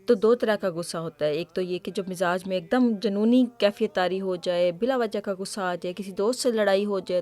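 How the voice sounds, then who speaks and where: The speaker is a patient woman hosting for a child, her pitch ordinary and her explanations gentle. She comes across as teacherly, regularly checking in with questions.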